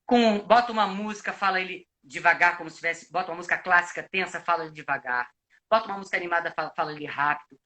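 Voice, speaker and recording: This Brazilian man, who works as an actor and coach, speaks fast in a high-sitting, sharp voice. His accent is Brazilian Portuguese. Giving advice over a live video chat, he talks reflectively and at length, frequently starting over mid-thought.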